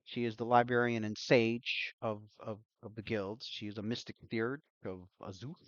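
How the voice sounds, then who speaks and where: A man's voice: lowish voice, little pitch movement, no room sound. Dm guy on a laggy voice call, keeps dropping in and out, dull dry sound. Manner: halting, restarts with fillers. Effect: voice call audio cutting in and out. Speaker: game master. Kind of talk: narrating a tabletop game.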